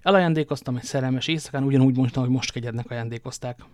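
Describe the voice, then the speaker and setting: A male reader playing a grave, fatherly nobleman in an audiobook. He speaks in a measured, somber way at a steady middle pitch and sometimes drops to a hush. The sound is dry and close. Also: no room sound, close to an everyday voice.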